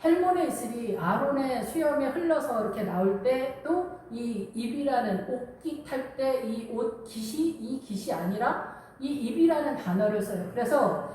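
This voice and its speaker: A woman's voice: a little high, lively intonation, a little slow, darkish tone, slight background noise. Woman pastor preaching in an echoey church. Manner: conversational preaching with personal anecdotes and quoted inner voices. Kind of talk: sermon. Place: church sanctuary. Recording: echoey room, voice from a distance.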